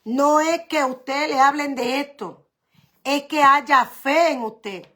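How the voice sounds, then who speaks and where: A woman's voice: sits high, takes it slowly, fairly bright tone. A woman pastor preaching a sermon, repeating key phrases and asking rhetorical questions.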